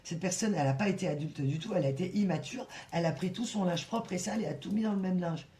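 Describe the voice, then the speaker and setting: A woman giving a spontaneous tarot reading to her viewers, her voice mellow and warm in tone. She circles back on her words, stumbles over restarts, and presses her points with emphatic little tags. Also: fairly low pitch, quick pace. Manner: animated, repetitive, with frequent fillers and restarts; breaks into soft sung song lines. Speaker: tarot reader. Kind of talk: casual channeled tarot reading.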